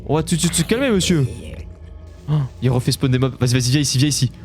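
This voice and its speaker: A man giving loud, jumpy commentary while playing a horror Minecraft mod, yelping when startled and swearing at the monsters. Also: medium pitch, animated, fast, faint music behind. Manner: talks to the game monsters. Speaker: gaming YouTuber. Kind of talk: live Minecraft let's-play commentary.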